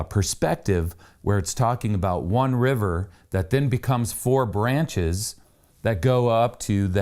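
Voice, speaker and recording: Middle-aged male documentary host from Saudi Arabia, deep voice, calm explainer who pauses on "uh". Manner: explanatory, unhurried, with "uh" fillers. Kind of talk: documentary narration.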